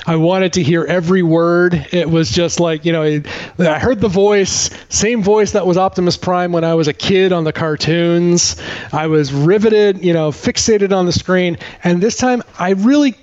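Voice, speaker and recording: A middle-aged man co-hosts a podcast, recapping a film in casual, rambling talk full of disbelief. His voice is high and darkish in tone, moving at a moderate pace. The podcast audio sounds dull and band-limited.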